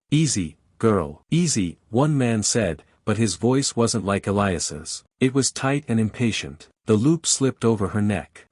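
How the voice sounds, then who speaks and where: A man reading a scripted story aloud in a steady, measured way. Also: fairly low pitch, no room sound, studio quality. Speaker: narrator.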